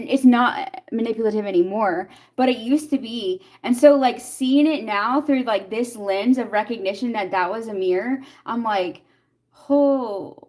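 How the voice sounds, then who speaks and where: A woman's voice: on the high side, a little mellow. Chatty woman giving a tarot reading. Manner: chatty, laughing often, talking to viewers' comments. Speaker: tarot reader. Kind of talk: casual live tarot reading.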